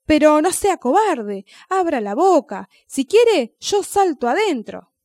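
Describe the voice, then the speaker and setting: A crafty, patient old male snail, as a woman puts him on in a storybook reading. He coaxes and lectures in a raised, fairly high voice. The sound is dry and close. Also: expressive, moderate pace, a little mellow, no room sound, lightly acted. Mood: insistent.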